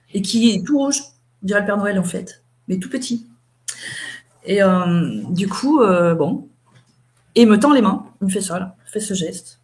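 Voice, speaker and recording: A middle-aged woman, an interview guest, chatting casually as she recounts events and quotes what people said. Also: mid-range voice.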